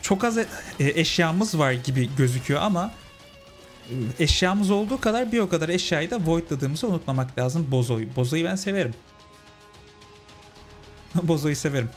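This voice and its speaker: A man's voice: a little high, expressive, normal speed, long pauses. Chatty man over game music. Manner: chatty, talks to his viewers as friends. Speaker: gaming channel host. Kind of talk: casual let's-play commentary.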